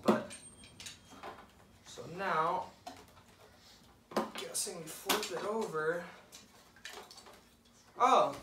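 In a living room, a teenage boy sits at a table hosting a casual unboxing video, slowly and haltingly describing each step aloud as he puts a toy together. His voice is high-pitched and the background is noisy. A camera across the table picks him up from some distance, so the sound is roomy.

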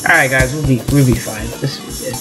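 A man's voice: medium pitch, quick pace. A young man commentating a game in casual, rambling talk, worn out and tired from an hour of hiccups. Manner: rambling, self-deprecating, tired. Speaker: gameplay commentator. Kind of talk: casual let's play commentary. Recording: game music playing behind.

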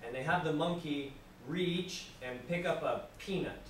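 A man giving a classroom lecture to students, lively and acting out examples as he explains. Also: fairly high pitch, a little slow. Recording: very echoey room, distant mic, background noise.

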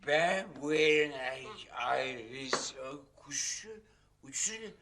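Brief: actor as drunk middle-aged father, gruff, slurred slow mumble. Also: on the high side, loud music behind the voice. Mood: drunk slurring.

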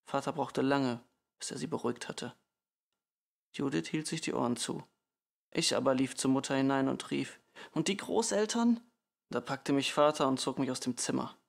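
Male audiobook reader, measured and subdued, with a gravelly edge. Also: mid-range voice, little pitch movement. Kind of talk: audiobook narration.

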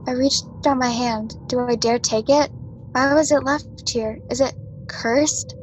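Slow, hushed woman telling a spooky tale. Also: a little high, low-quality recording. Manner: hushed, dramatic storytelling with whispered bits. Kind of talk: mock-spooky story narration.

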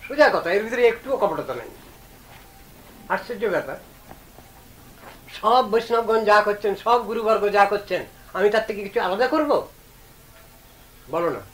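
High-voiced man giving a devotional talk. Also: lively intonation, a bit bright, low-quality recording. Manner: earnest, reasoning aloud, slow chanted recitation of verses. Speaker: religious speaker. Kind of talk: devotional discourse.

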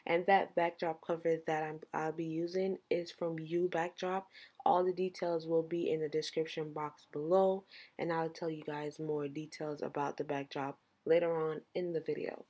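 Mellow, relaxed woman hosting a craft tutorial. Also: deep voice, moderate pace. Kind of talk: casual DIY tutorial voice-over.

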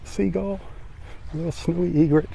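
An older man giving relaxed, admiring commentary on a live-streamed beach walk, recorded outdoors on a phone he carries. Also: high voice, moderate pace, vocal fry, a little hiss or hum. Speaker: vlogger walking the beach. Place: outdoors on a sandy beach by the sea. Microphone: phone held while walking.

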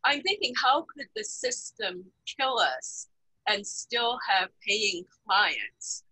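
A woman in her sixties moderating a panel over a video call from home, asking lively, probing questions. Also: a little high, slow pace, husky, no echo, poor audio. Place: home room, indoors. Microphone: webcam on video call.

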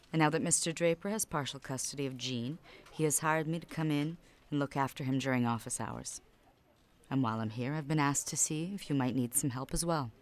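A woman's voice: rumbling low, darkish tone. A woman playing a polite, composed nanny in a puppet parody.

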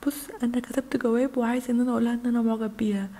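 A woman's voice: fairly high pitch, little pitch movement, warm tone, lightly acted. A woman with an Egyptian Arabic accent voicing a bashful schoolboy toy doll who speaks hesitantly. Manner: hesitant, halting.

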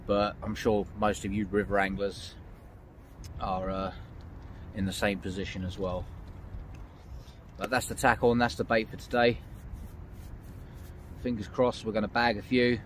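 A man's voice: fairly low pitch, fairly even intonation, a little slow, long pauses. A man vlogging from a windy lakeside, talking to camera in a chatty, matter-of-fact way as he fishes. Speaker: angling vlogger. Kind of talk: outdoor fishing vlog narration. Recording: outdoor mic with faint wind noise.

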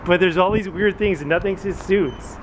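A man's voice: sits high, normal speed, noisy background. A man from Canada vlogging casually with a handheld camera while out shopping in the city, chatty and laughing often. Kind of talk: casual vlog narration. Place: out and about in the city, shops and car.

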